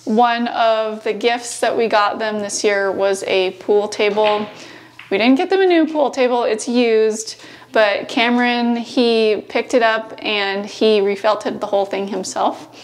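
A woman casually narrating a tour of her family's farmhouse, chatty and relaxed. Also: fairly high pitch, a little slow, a little hiss or hum. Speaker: homesteading vlogger.

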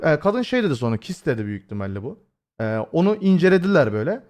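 This young man's voice is fairly high, sing-song, darkish, and very fast, and it has been hoarse lately. Streaming live, he chats casually with viewers, swears freely, rambles with many fillers, and speaks directly to chat.

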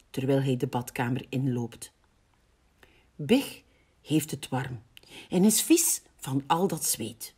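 Woman, library storyteller, slow and lively, breathy, gentle reading. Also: very deep voice. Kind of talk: reading a picture book aloud.

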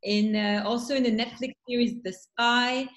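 A woman with a French accent, a festival founder introducing guests on a video call, talking with many pauses and fillers. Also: on the high side, steady tone, poor audio. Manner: hesitant, many fillers, warm welcoming. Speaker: festival founder hosting a panel.

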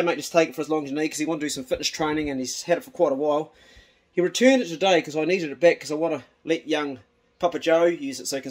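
Broad Kiwi bloke, higher-pitched, chatting casually. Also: male voice, a little mellow. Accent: broad New Zealand. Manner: laid-back, blokey, slangy and sweary. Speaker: vlogger. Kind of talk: casual chat to camera. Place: around a house: kitchen, yard and glasshouse. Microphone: phone at arm's length.

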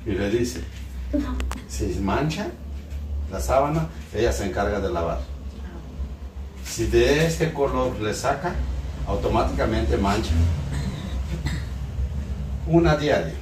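A man's voice: mid-range voice, expressive, takes it slowly, long pauses, noisy background. Man coaching a patient, roomy and distant. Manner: coaxing, repeats short commands. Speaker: folk healer treating a patient. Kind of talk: hands-on treatment session with explanations. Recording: roomy room, mic at a distance.

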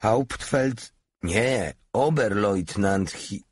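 A man's voice: lowish voice, animated, very slow, breathy edge, dry recording, clean studio sound, pitched above the performer's own voice, heavily acted. A man reading the part of an insolent soldier who gambles and mocks his superiors in an icy tone. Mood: mocking. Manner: icy, mocking. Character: sly, mocking soldier-gambler, coolly insolent.

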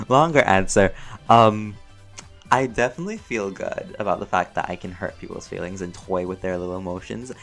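Low-voiced and creaky, he speaks at a measured pace with long pauses and a fairly bright tone. A channel creator and voice actor fielding fan questions, he rambles in a chatty, slangy, playful way, interrupting himself and frequently dissolving into laughter over background music.

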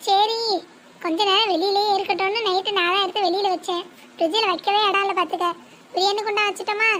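A performer voicing an excitable housewife who panics and shouts about a thief. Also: extremely high pitch, a little hiss or hum. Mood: explaining. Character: excitable housewife, older sister-in-law.

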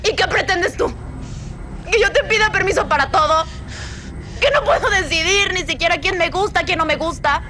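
A woman's voice: very high-pitched, moderate pace, background noise. An actress playing a defiant, tearful young woman in a telenovela, emotional, indignant and accusatory. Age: young adult. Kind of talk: telenovela acting. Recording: dramatic music behind the dialogue.

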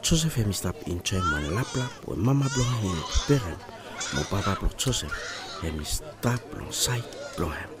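A man's fairly low voice narrates a documentary in Melanesian pidgin with a ni-Vanuatu accent. The delivery is scripted storytelling, and crowd sounds sit behind the voice. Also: sing-song, moderate pace. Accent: ni-Vanuatu Bislama, Melanesian pidgin similar to Solomon Islands Pidgin.

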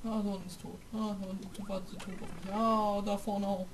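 A woman's voice: mid-range voice, flat delivery, brisk. A young woman casually commenting on a video game, teasing her sister and laughing along. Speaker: let's play co-host. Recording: distant mic with clear background noise.

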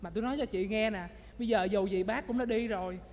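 Khách viếng nói khẽ, an ủi. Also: male voice, high-pitched, steady tone, quick pace, a little mellow, in a large hall. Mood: consoling. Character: sympathetic male funeral guest, soft-spoken. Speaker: funeral guest. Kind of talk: stage comedy acting.

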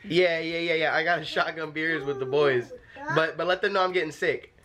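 A man's voice: a little high, steady tone, fairly quick, bright, forceful tone. A man in his twenties making a casual prank call in a bedroom, stammering and repeating his words. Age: 20s. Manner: repetitive, stammering delivery. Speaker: prank caller. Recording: faint room noise.

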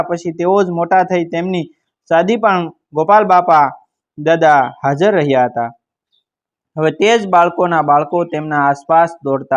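Man narrating a story in dull lo-fi audio. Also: a little high.

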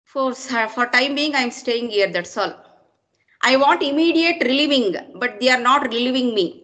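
A woman's voice: high voice, expressive, normal speed, fairly bright tone. A woman with an Indian accent, a college lecturer on an online class call, complaining in an indignant, confrontational manner. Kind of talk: online class talk turned heated argument.

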